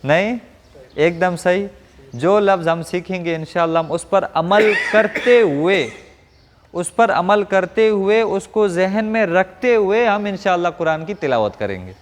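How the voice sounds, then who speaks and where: Patient teacher with echoey reverb. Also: male voice, high-pitched, lively intonation, a little hiss or hum. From Rajasthan, India. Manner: patient, asks the class questions and models sounds slowly. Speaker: Quran recitation teacher. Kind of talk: classroom lesson.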